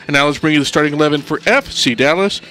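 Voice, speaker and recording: On a radio soccer pregame show, a male host reads out the lineups and then puts questions to his analysts. His voice is fairly high, bright, and forceful, and he speaks quickly.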